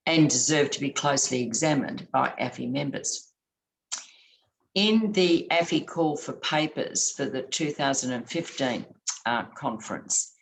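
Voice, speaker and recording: Late at night on a video call, an Australian conference presenter gives her academic talk in a scratchy voice. Her delivery is measured but full of ums and restarts, and her voice is deep, in the bass range.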